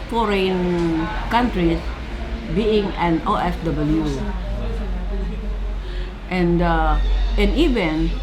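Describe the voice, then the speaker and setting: A Filipino woman in her seventies, a labor organizer answering interview questions in English with a Filipino accent, pausing often with fillers and repeated words. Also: fairly low pitch. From Philippines. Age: 70s. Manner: halting, many fillers and repeats. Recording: crowd noise behind.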